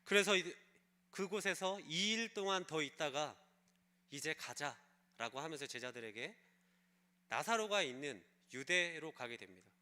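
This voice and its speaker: A man's voice: on the high side, lively intonation, normal speed, sharp tone. A male pastor preaching a sermon, telling a story and putting questions to the congregation. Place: church service.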